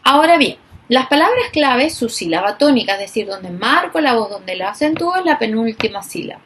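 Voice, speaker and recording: Woman, teacher, recorded class, slow emphatic delivery, stressed example words, a bit high-pitched. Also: expressive, a bit bright, slight background noise.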